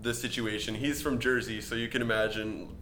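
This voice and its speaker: A man's voice: mid-range voice, steady tone, fairly quick, a bit bright. Young male co-host, casual rambling storyteller; roomy sound with light noise. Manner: rambling storyteller, frequent restarts and word slips. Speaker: podcast co-host. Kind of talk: casual chat. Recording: echoey room, faint noise.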